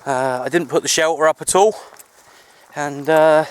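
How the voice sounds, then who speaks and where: A man with a higher, clear and resonant voice talks at normal speed and a steady tone. He's an amateur CB radio hobbyist vlogging outdoors in the countryside on a handheld camera, rambling in a casual, easygoing fashion.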